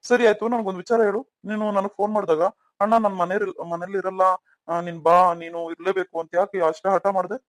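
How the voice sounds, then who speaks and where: A man's voice: high-pitched, steady tone, quick pace, no echo, close to an everyday voice. A man voicing a caring elder brother. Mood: calm. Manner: concerned, soothing. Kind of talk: cartoon story voice acting.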